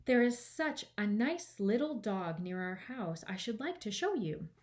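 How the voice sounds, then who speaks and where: A woman's voice: a little high, lively intonation, measured pace, voice pushed up. A woman voicing an eager, polite young girl who chatters earnestly and apologises readily, in a children's storybook reading.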